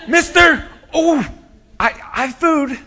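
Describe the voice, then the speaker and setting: A man's voice: slow, exaggerated voice. A man voicing an eager young boy calling out that he has food. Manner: excited, high and shouting. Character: eager young boy offering his lunch.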